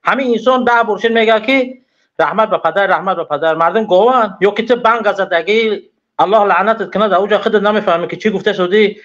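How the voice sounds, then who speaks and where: Brief: high-voiced male caller, agitated and insistent, dull muffled phone sound. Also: fairly bright tone. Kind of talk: phone-in talk.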